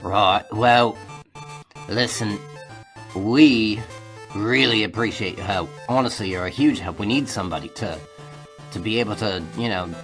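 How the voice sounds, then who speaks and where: Loud, casual pirate captain, played by a man, friendly and rambling, tabletop game. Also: on the low side, a little slow, pauses often, faint music behind.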